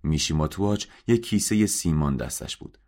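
A man reading a story aloud in a measured, subdued narration. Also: very deep voice, lively intonation, a little mellow. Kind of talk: scripted audiobook narration.

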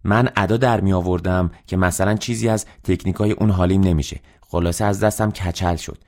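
A man's voice: low-pitched, fairly even intonation, a little mellow. A man voicing a cheerful, carefree young boy telling his story in an audiobook. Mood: chatty. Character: cheerful boy back home, carefree and open.

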